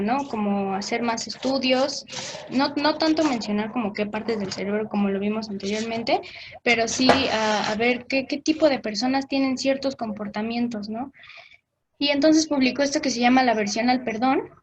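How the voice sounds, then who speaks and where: A woman's voice: fairly high pitch, dull audio, a little hiss or hum. A woman gives an informal talk on forgiveness, speaking conversationally with many fillers and briefly acting out the voices she quotes.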